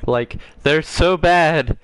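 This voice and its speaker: A young man commenting casually on his gameplay, crude and quick to laugh, rambling with lots of fillers. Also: on the high side, slight background noise. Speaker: gaming streamer.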